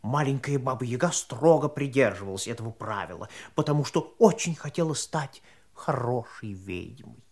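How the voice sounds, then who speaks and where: A woman's voice: very deep voice, moderate pace. A woman playing a talking raven, a fussy, wise companion who tells the story expressively in an audio drama. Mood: chatty storytelling. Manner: expressive, chatty, admonishing.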